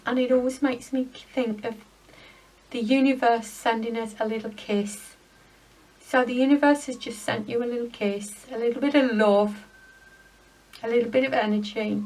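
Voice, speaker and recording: Woman card reader, higher pitch, gentle rambling rune reading, a touch off-mic. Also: recorded from a distance, low-quality recording.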